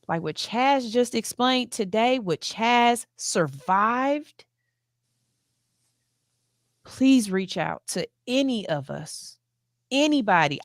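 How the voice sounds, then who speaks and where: A woman's voice: on the high side, a bit bright, no echo, clean studio sound. A woman in her forties hosting a talk show, speaking earnestly and emphatically, often repeating herself. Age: 40s. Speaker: host. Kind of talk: heartfelt talk-show monologue.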